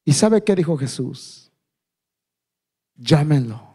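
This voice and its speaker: High-voiced preaching pastor. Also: male voice, normal speed. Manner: preaching with rising shouted climaxes, addressing listeners as brother. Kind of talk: sermon.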